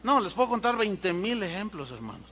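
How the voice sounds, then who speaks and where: A man preaching, telling humorous anecdotes in an animated way and imitating sounds. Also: high-pitched, brisk, noisy background. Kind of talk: sermon storytelling.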